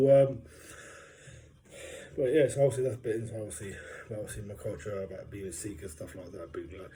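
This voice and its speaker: A man's voice: on the low side, dark tone, a little hiss or hum. A man talking casually to camera as a vlogger, upbeat and jokey, rambling with plenty of fillers. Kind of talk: casual vlog monologue.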